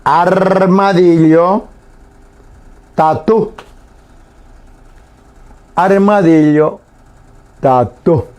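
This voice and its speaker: A man teaching a language lesson on the radio, saying each word slowly and repeating it twice with pauses. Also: sits high, darkish tone. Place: radio studio.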